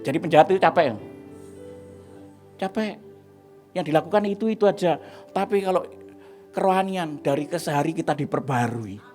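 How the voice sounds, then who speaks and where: A man giving a testimony sermon as a pastor in a church service, dramatic, swinging from hushed to shouting. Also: fairly high pitch, fast, soft background music.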